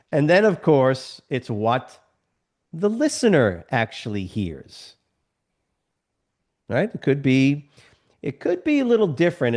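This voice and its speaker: A man teaches a class over a video call and keeps checking that everyone follows. He often acts out short little scenes. His pitch jumps around a lot. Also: darkish tone. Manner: acts out little scenes with other people's voices. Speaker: instructor. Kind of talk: live online lecture.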